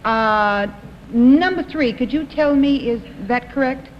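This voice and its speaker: A woman's voice: sits high, takes it slowly, muffled recording, a little hiss or hum. Woman panelist in a reverberant vintage studio. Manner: probing, polite. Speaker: game show panelist. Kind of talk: questioning contestants on a TV panel show.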